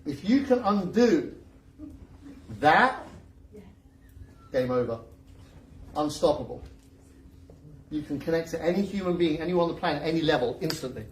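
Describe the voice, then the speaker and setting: Speaking at normal speed with long pauses, this seminar speaker's voice runs on the high side, with a little hiss or hum in the background. He keeps his motivational talk lively and jokey, quizzing the crowd, recorded from afar in an echoey room.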